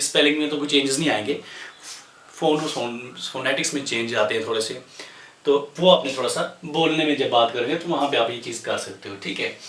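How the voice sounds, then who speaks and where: A man from India teaching an English grammar lesson to a class, explaining slowly with many pauses and fillers and mixing English terms into his talk. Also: medium pitch, sharp tone, slight background noise. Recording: roomy echo, voice from a distance.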